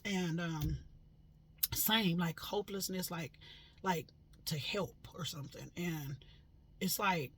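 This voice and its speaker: A woman casually recounting a dream to her viewers, animated and dramatic, getting loud when she quotes herself, with lots of fillers. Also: lowish voice, takes it slowly, pauses often, breathy edge. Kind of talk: casual storytelling.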